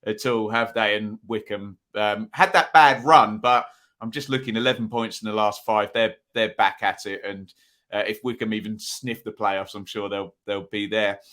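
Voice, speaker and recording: A man's voice: on the low side, fairly even intonation, normal speed, fairly bright tone. A man co-hosting a football betting podcast, casually discussing picks in a thoughtful, tentative way.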